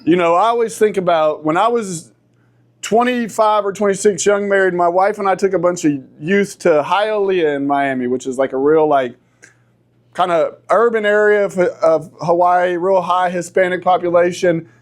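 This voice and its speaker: A man in his forties, a church class teacher, telling stories in a joking, animated way. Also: high-pitched, moderate pace. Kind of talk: casual talk.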